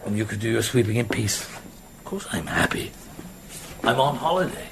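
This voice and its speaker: An actor playing a contented middle-aged police inspector, amused and a little hesitant, in a radio drama. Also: male voice, medium pitch, lively intonation, normal speed, gravelly, very noisy. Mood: contented, reassuring. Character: mature male police inspector on holiday, contented, quietly curious, absent-minded. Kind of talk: radio drama acting, British production.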